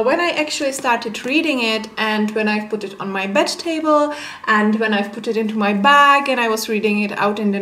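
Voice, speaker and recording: A young native Czech speaker with a Czech accent casually reviews a book in a small indoor room with a window, using many filler sounds. Her voice is on the high side and fairly bright, and the room echoes.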